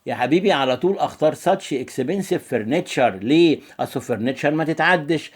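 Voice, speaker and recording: A man with an Egyptian Arabic accent gives a lively grammar review lesson as an English teacher, often acting out imagined student questions. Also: fairly high pitch, normal speed, slightly rough.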